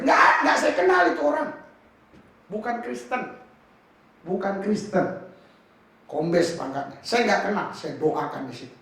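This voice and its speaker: A man preaching with a high voice, full of dramatic storytelling, jumping from hushed asides to shouted punchlines. He sounds distant from the microphone, his voice bouncing around a very reverberant hall. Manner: lively storytelling with bursts of shouting and laughter. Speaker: pastor. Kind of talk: sermon. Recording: roomy echo from far off the mic.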